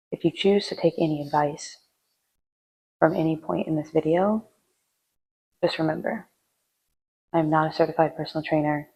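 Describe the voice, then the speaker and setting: A woman's voice: sits low, vocal fry, darkish tone, slightly rough, low-quality recording. A woman chatting through her gym workout, giving casual lifting tips between sets, sometimes out of breath. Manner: chatty, rambling, with fillers. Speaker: fitness vlogger.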